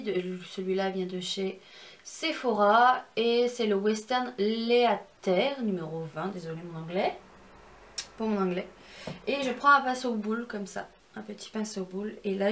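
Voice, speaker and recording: A woman's voice: medium pitch, a bit bright, a little hiss or hum. A young woman walking viewers through a makeup tutorial in a chatty, instructive way, with self-deprecating asides. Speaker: beauty vlogger.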